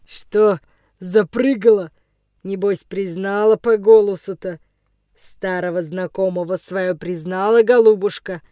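A woman voicing a coarse older male forest vagabond villain in an audiobook, with a rough, menacing, gloating voice. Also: mid-range voice, steady tone, unhurried, warm tone, dry recording, clean studio sound, natural voice. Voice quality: rough, hoarse-edged voice. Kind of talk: audiobook character reading.

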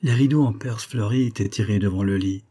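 Low, husky male audiobook narrator. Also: brisk, mellow.

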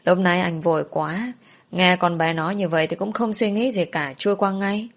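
Woman narrating a story, lowish voice. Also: steady tone, normal speed. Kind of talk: first-person story narration.

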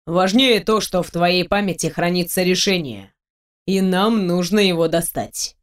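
A reader voicing a cunning, powerful male mage lord who speaks calmly and tersely in an audiobook. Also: medium pitch, unhurried, lightly acted. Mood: guarded. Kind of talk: audiobook character voice.

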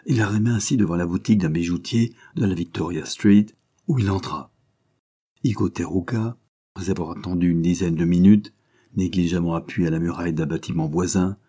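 Deep, husky male audiobook narrator. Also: warm tone. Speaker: audiobook reader.

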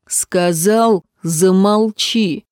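A woman voicing a cocky young man from the slums who speaks quietly, curtly and with dead calm, in an audiobook reading. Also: fairly low pitch, takes it slowly, dry recording, studio quality. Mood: cold.

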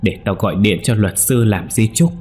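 A man voicing an older adoptive mother who scolds in a shrill, stammering rage. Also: moderate pace, darkish tone, soft background music, lightly acted. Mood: furious.

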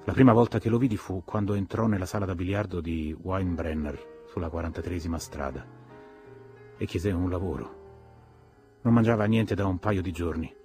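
A man reading a novel aloud as an audiobook narrator, measured and even. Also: sits low, soft background music. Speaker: audiobook reader.

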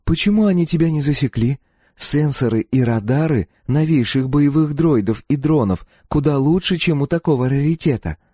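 A sharp-tongued young woman survivor, as a male reader puts her on, her voice lifted well above his own deep tone. She is pert and quick with questions and retorts. The audiobook sound stays close and dry. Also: husky, dry recording. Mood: curious. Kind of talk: audiobook character voice.

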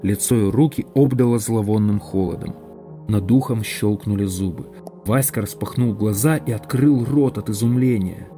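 Low-voiced man narrating an audiobook. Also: normal speed, music in the background. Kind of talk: scripted narration.

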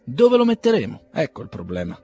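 A man's voice: mid-range voice, huge pitch swings, a little fast, dark tone, husky, soft background music, pitched above the performer's own voice, heavily acted. A man voicing an elderly country doctor and father who is humble, fussy and eager to please. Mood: fussing. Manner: apologetic, eager to please, ceremonious.

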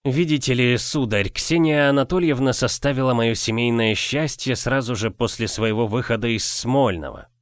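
A man reading an audiobook, voicing an aging official husband in his fifties, slow, fond and paternal. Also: mid-range voice, no room sound, clean studio sound, close to an everyday voice. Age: 50s.

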